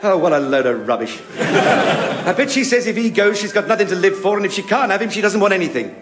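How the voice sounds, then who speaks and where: A comic actor playing a blustering, pompous know-all who grumbles and talks sarcastically, in a 1950s radio comedy. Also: male voice, high-pitched, expressive, brisk. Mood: grumbling. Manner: grumbling, sarcastic, easily carried away. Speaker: lead comedian. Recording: roomy old radio broadcast with music.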